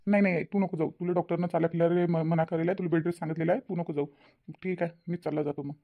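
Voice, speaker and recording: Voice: medium pitch, steady tone, rapid-fire, close to an everyday voice. A performer voicing a stubborn, hot-tempered adult son in a cartoon, with a Vidarbha Marathi accent. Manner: scolding, stubborn. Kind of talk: cartoon voice acting. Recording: dull lo-fi recording.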